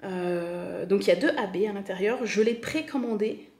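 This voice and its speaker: A woman's voice: mid-range voice, moderate pace, a little mellow. A French woman with a French accent, chatting casually and enthusiastically as she unboxes a craft kit, full of fillers and repeated words. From France. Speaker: crafting vlogger.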